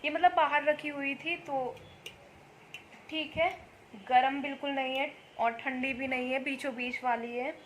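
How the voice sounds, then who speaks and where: A woman's voice: high voice, steady tone, unhurried, reverberant, a little hiss or hum, low-quality recording. A young woman vlogging at home, chatting casually in a meandering, homely way. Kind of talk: casual chat to camera. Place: indoors at home.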